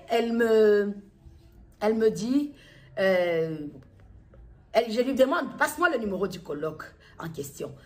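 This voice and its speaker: A mother from Kinshasa in the Democratic Republic of the Congo, middle-aged and speaking with a Congolese accent, recounts her experience unscripted for a public appeal video. Her voice sits mid-range, and she stumbles, repeats, and loops back to rephrase what she said.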